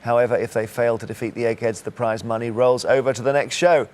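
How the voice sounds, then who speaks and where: A man hosts a television quiz, his voice sitting at an ordinary middle pitch. He delivers the script with measured, emphatic pacing, leaning on key phrases and reading out multiple-choice answers. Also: fairly even intonation, a little mellow. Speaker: quiz show host. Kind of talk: scripted game show presenting.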